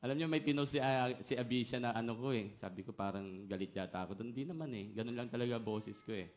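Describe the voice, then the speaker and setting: A middle-aged man preaching a sermon loudly and energetically, often calling out "Amen?" to the congregation. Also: medium pitch, fast talker. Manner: loud, energetic preaching with call-and-response "Amen?".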